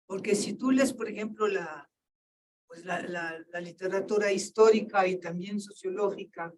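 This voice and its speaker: A woman's voice: medium pitch, moderate pace, darkish tone. An older woman speaking in a seminar, giving a thoughtful talk and often repeating words while she searches for them. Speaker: invited lecturer. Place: seminar room. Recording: distant mic with faint noise.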